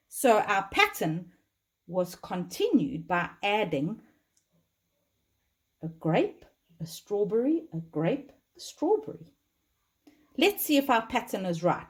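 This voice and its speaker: Slow sing-song woman teacher. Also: medium pitch, darkish tone, husky. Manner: slow, sing-song and encouraging, repeating patterns aloud. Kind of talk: early-years lesson for young children.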